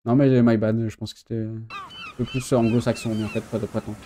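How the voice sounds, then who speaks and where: A man's voice: mid-range voice, steady tone, brisk, noisy background. A man chatting casually while reacting to a video, thinking aloud and hesitating often. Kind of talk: casual chat.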